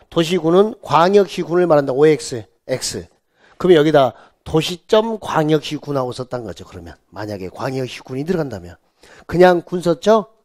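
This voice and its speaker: A man's voice: fairly high pitch, darkish tone. Man lecturing with call-and-response drills. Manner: stretches out terms slowly for chanting. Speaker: real estate law lecturer. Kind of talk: exam prep lecture.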